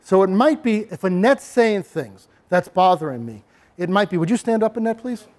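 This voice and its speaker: A man presenting a bully prevention workshop to parents and children, animated and acting out examples as he goes. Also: high voice, moderate pace. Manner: animated, acts out examples with sudden voice changes. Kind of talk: interactive workshop talk to parents and kids.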